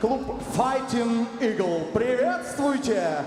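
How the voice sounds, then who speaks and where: A man giving a booming, formal stage introduction as a ring announcer, drawing out names into big shouts. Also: animated, slow pace, very noisy. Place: large indoor fight arena. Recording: echoey arena PA with crowd and music.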